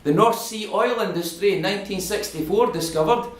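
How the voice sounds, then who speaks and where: Speaking fairly quickly in a high-sitting voice, a guest speaker from Scotland in his fifties delivers an impassioned political address in a community hall. His talk to the locals swells into forceful oratory, and the room has an echo.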